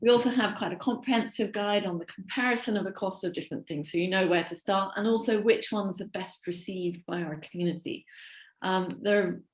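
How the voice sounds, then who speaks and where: Sharing her screen for a webinar walkthrough, a platform team member speaks in a mid-range voice that comes across reverberant. She explains things steadily, with occasional ums.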